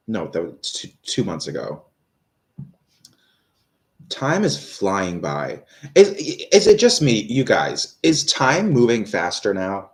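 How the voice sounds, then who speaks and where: A man's voice: low voice, very animated, takes it slowly, pauses often. A man in his thirties doing a live tarot reading, rambling and swearing between viewers' questions. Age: 30s. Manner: rambling, swears, many fillers and restarts; talks to viewers, reads out their questions. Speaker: tarot reader.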